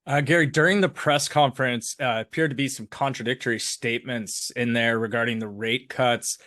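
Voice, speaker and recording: A man's voice: mid-range voice, steady tone, fairly quick, fairly bright tone, no echo, clean studio sound. A man co-hosting an investing podcast, asking brief questions in a casual way. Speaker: podcast co-host. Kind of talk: conversational interview questions.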